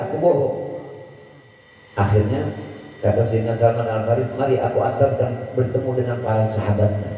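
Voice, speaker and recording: Man, storytelling sermon, animated, character voices, roomy echo, dull lo-fi sound. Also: medium pitch, slight background noise. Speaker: preacher. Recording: distant echoey hall, dull sound.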